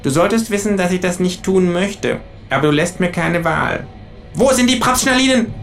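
Guy doing a high gravelly kangaroo, sly and mock-innocent, cheeky scrounger, music under it. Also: normal speed. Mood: threatening. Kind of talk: comic audio story.

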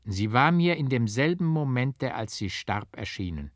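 A man reading a classic novel aloud, solemn and measured, rising into dramatic swells. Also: mid-range voice, big pitch swings, no echo, clean studio sound. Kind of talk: audiobook narration of a classic novel.

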